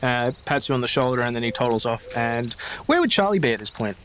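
A man in the middle of his range, running a tabletop game as game master. He narrates in a relaxed, hesitant way, with a faint hiss underneath. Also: medium pitch, quick pace.

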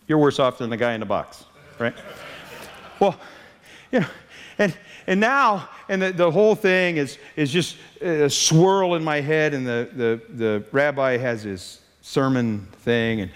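A man telling a humorous story in a sermon, animated and jokey, acting out the voices of people he quotes. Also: on the high side, unhurried, clean tone, in a large hall. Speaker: preacher.

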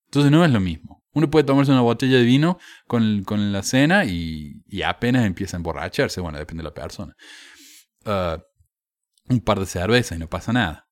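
A man's voice: on the low side, animated, a little fast, no echo, studio quality. A man giving casual, frank commentary with a sardonic edge, hesitating and restarting as he talks. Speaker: commentator on religious texts.

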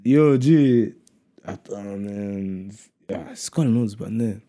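A man's voice: fairly low pitch, slow pace, dark tone. A man in casual chat, slangy and repetitive, mixing in English words. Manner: slangy, mixes English into French, repeats himself. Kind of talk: casual chat about rap.

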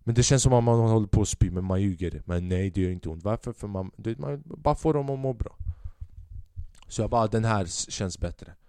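A young man hosts his own podcast, spinning a loose, rambling comic story and acting out the voices of the people in it. His voice sits low and sounds dark and mellow. The recording is dry, with no room sound. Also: clear, resonant tone, no echo. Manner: rambling storyteller, acts out quotes, swears casually. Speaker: podcast host. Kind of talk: casual comedic monologue.

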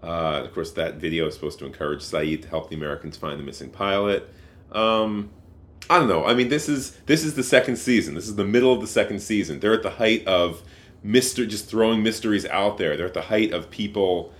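A man with a low voice co-hosts a casual podcast discussion. He talks thoughtfully and haltingly, often stopping to rephrase. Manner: thoughtful, halting, with many fillers and restarts. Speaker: podcast co-host.

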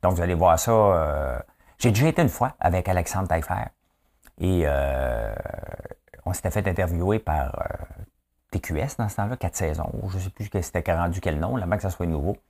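A man's voice: deep voice, lively intonation, moderate pace, creaky, a little mellow. A man in his fifties with a Quebec French accent, hosting in a chatty, joking way and asking his audience questions. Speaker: host. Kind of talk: casual chat presenting trivia.

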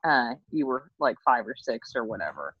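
A woman chats casually as a co-host, her pitch moving freely. The recording is dry and a little dull. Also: very animated, normal speed, husky, dry recording. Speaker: podcast co-host. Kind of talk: casual chat.

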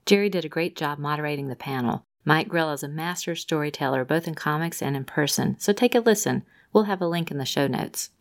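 Low, gravelly-voiced woman podcast host. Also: a little fast, hardly any pauses. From Rhode Island, USA. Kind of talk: reading listener mail.

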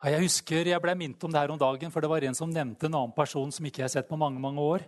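A man preaching a sermon, fervent and animated, often calling out praise between his sentences. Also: a little high.

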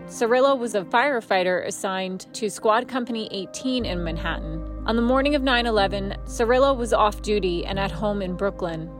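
A woman reading scripted documentary narration in a measured, solemn manner. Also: medium pitch. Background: music.

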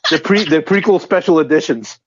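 A man's voice: on the high side, animated, brisk. A man co-hosting a podcast with casual banter about a film. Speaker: podcast co-host. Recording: dry, slightly dull audio.

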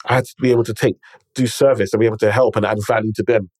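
A man's voice: on the low side, fairly even intonation, rapid-fire, a little mellow, no echo, clean studio sound. A man with an urban London roadman accent tells stories and gives motivational advice in an emphatic, conversational way, repeating phrases and checking in with the listener. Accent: London, urban multicultural slang.

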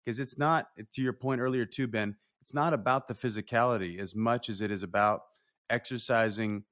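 A man co-hosting a podcast, speaking in an animated, conversational way and swearing casually. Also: medium pitch, moderate pace. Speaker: podcast co-host.

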